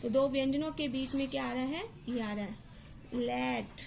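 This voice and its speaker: A woman's voice: high-pitched, moderate pace, vocal fry, darkish tone, a little hiss or hum. A woman teacher explaining English pronunciation, repeating words and spelling out letters to drill each sound.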